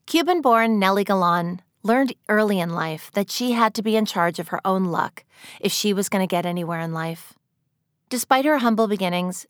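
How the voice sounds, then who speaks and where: A woman reading scripted promotional narration in a smooth, even delivery. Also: on the low side, no room sound, studio quality.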